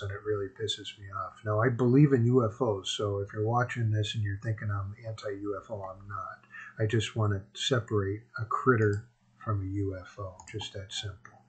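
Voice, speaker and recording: A man's voice: lowish voice, slightly rough. A man narrating a homemade explainer in an informal, rambling way, his words slurred by missing teeth. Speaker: host of a self-made video series. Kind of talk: casual narrated explainer, partly reading aloud.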